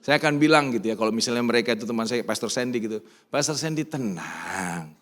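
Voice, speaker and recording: A middle-aged Indonesian-accented pastor preaching in a church, with a voice of ordinary middle pitch. He swings between emphatic, rising calls and quiet, personal storytelling. He drops English phrases into his preaching. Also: very fast. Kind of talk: sermon. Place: church sanctuary.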